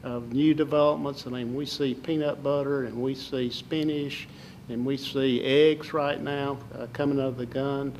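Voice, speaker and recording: An older man from southern Alabama with a Southern Alabama accent, giving folksy, halting interview answers as a political candidate. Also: mid-range voice, fairly even intonation, a little mellow, a little hiss or hum, poor audio.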